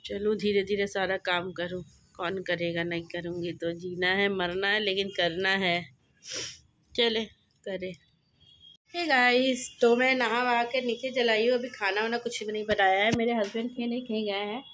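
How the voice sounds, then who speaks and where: A woman's voice: mid-range voice, level tone, moderate pace, fairly bright tone, low-quality recording. Chatty mother vlogging at home. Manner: chatty, coaxing with her kids, laughs often. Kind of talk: casual home vlog chat.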